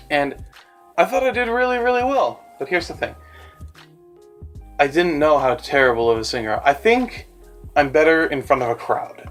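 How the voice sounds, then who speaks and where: A man's voice: mid-range voice, a bit bright. A young man telling a rambling, self-deprecating story in a casual storytime vlog, with faint music behind him. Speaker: animator and storyteller.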